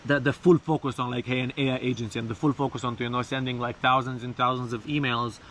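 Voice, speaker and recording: A man talking casually and haltingly in an unscripted personal vlog, repeating words and speaking informally, outdoors. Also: mid-range voice, flat delivery, fairly bright tone, a little hiss or hum. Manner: informal, sprinkled with swearing and bro. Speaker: vlogger. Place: outdoors, bathing in a river.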